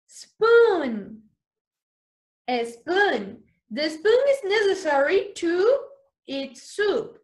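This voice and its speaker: A young adult woman teaching an online English lesson to young children, spelling words out slowly, praising warmly and switching between English and Spanish. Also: high-pitched. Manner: slow, drawn-out spelling and cheerful praise.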